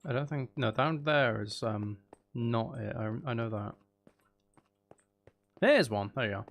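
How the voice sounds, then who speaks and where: Thinking out loud as he plays, a streamer on his own channel offers relaxed commentary, questioning his choices with wry humor. He has a gravelly, mid-range voice with lively intonation and a measured pace.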